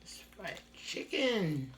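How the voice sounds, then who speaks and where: A woman hosting a mukbang eating show, murmuring and humming slowly between bites in casual commentary. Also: lowish voice, sing-song, slight background noise.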